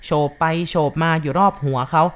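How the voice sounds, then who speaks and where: A woman reading a ghost story aloud in a steady, unhurried storytelling manner.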